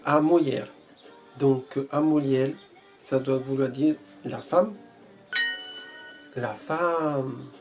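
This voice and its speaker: A man's voice: mid-range voice, fairly even intonation, drawn-out words, pauses often, darkish tone, soft background music. A man chatting casually in a vlog while learning Portuguese, playful and jokingly boastful, repeating foreign phrases as he tries them out.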